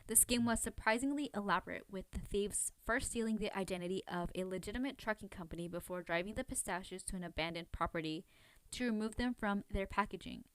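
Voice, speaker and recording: Speaking quickly in a clean, medium-pitched voice, a woman hosts a relaxed true crime podcast, though the audio quality is poor. Her talk wanders informally, full of fillers and second-guessing herself.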